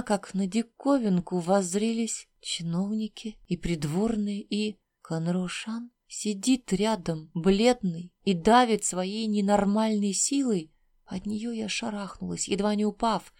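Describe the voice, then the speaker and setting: A woman's voice: medium pitch, mellow, no echo, clean studio sound. A woman narrating a first-person fantasy audiobook with emotional, breathless storytelling.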